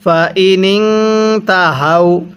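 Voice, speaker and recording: A man teaching Quran reading, drawing out each recited word slowly and repeating it for learners to follow, with brisk explanations in between. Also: sits high, fairly even intonation, a bit bright, smooth. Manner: drawn-out chanted recitation between quick explanations. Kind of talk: slow spelled-out recitation lesson.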